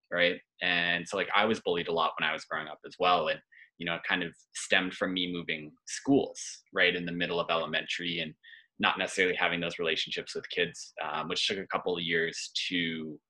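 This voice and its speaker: A man hosts a podcast with a very deep voice that still has a bright, forceful edge. He asks friendly, rambling questions, packing them with fillers as he talks his way toward the point. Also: animated, brisk, gravelly, rough recording. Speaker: podcast host. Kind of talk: casual interview chat.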